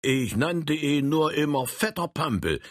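A man's voice: on the high side, animated, a little slow, dry recording, studio quality, voice pushed up. A man voicing a friendly, earnest middle-aged Saxon forester who talks in a chatty way.

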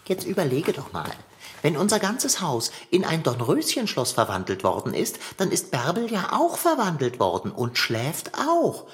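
Woman doing a bossy husky male cat. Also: low voice, huge pitch swings, normal speed, long reverb tail, heavily acted. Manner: bossy, theatrical, ordering about. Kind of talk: children's radio play acting.

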